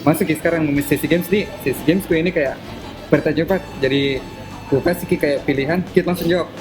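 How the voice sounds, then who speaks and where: A man with a Makassar accent hosts a casual interview, and his voice sits a little on the high side. He speaks in a relaxed, hesitant way with plenty of fillers. Music plays clearly behind him. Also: fast. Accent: Makassar Indonesian. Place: coffee shop. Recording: music playing in the background.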